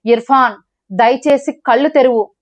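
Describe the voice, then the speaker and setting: A woman's voice: sits high, a little slow. A woman voicing a poor young man who speaks in a trembling, tearful voice. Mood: grieving. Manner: trembling, pleading. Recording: dull lo-fi recording.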